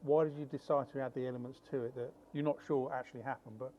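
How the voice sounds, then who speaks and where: A man's voice: mid-range voice, fairly even intonation, quick pace, dark tone, lo-fi sound, slight background noise. A man interviewing a filmmaker at a film festival, chatty and jokey, often rephrasing his questions mid-sentence.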